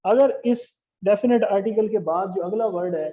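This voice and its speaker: A man's voice: high-pitched, normal speed. Man, English grammar teacher, classroom lecture, dull lo-fi recording. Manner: explains step by step, asks the class questions.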